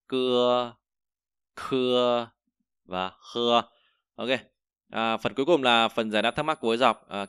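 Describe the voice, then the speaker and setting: Male online language tutor, low smooth voice, dry close sound, drills syllables with fillers. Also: no echo. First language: Vietnamese. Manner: repeats drill syllables loudly, many fillers. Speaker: Chinese language teacher. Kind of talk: online lesson with screen walkthrough.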